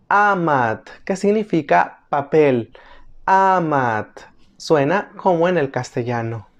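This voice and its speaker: A teacher narrating an instructional video, methodically explaining each letter and slowly repeating every example word. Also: medium pitch, dull audio. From El Salvador. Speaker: language teacher.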